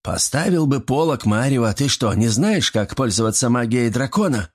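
A man voicing a small, rude male gremlin with a shrill, cheeky voice. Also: expressive, normal speed, breathy edge. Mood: mocking.

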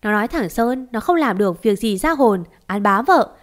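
Shrill bossy old mother-in-law, scolding, voiced by a woman narrator. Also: animated, normal speed, close to an everyday voice. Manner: scolding, shrieking.

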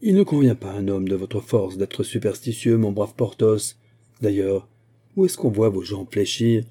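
A man reading the part of a clever musketeer who has become a bishop, reasoning calmly and reassuring his friend. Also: fairly low pitch, normal speed, breathy edge. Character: Aramis, sly clever musketeer bishop, coaxing.

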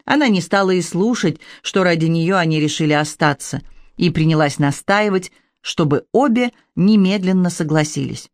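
A reader narrating an audiobook in a steady, measured way. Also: medium pitch, dry recording, clean studio sound.

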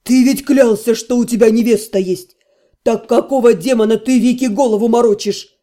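A hot-tempered blond male mage bellows gruff accusations, as a woman reading a fantasy audiobook drops her voice for him. His voice is dark and mellow, pitched lower than the narrator's own. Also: moderate pace, lightly acted. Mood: enraged.

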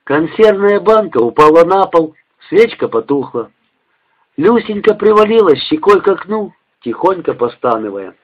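A man reading a novel aloud as an audiobook narrator, in a measured, steady manner. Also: fairly high pitch. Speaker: audiobook reader. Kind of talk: scripted literary narration. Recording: dull homemade lo-fi audiobook recording.

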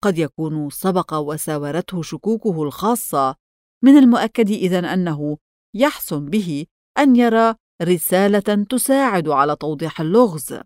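A woman narrating a novel as an audiobook in measured, even scripted narration, recorded close on a studio mic. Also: lowish voice, dry recording.

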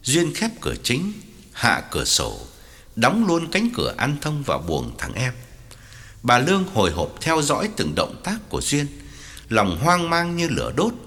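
A man narrating an audiobook story with a lively, wide-ranging delivery. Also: medium pitch, unhurried, long reverb tail. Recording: soft music underneath.

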